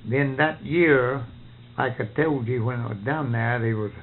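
A man's voice: mid-range voice, unhurried, a little hiss or hum. An older man, chatting casually about farm life in folksy, ungrammatical country speech on a narrow, tinny recording. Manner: folksy rural speech with nonstandard grammar. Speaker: farmer being interviewed.

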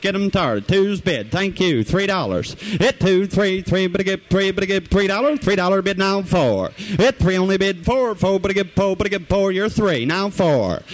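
High-pitched man rattling off an auctioneer chant. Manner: repetitive sing-song bid calling with filler phrases. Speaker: auctioneer at a household goods auction. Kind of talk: rapid rhythmic auctioneer chant.

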